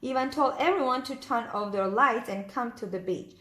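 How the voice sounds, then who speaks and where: A woman's voice: a little high, moderate pace, pushed and bright. A woman reading a storybook aloud to young children, talking to them directly in an exaggerated sing-song way. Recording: echoey room.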